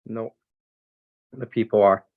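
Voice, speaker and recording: A man's voice: fairly low pitch, steady tone, takes it slowly, no room sound. A man with an Aberdonian Scottish accent, hosting a panel interview. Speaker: show host. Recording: dull, band-limited, dry sound.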